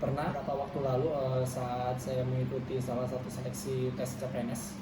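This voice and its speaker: A man's voice: mid-range voice, completely flat delivery, brisk. A man in his twenties, an office worker, answering interview questions hesitantly with fillers. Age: 20s. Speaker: private company employee. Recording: echoey, distant mic, loud background noise.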